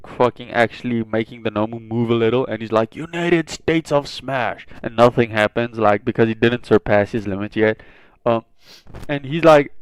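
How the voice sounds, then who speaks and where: A man's voice: medium pitch, smooth, no room sound, poor audio. A man casually retelling a fan story, rambling with lots of swearing and fillers.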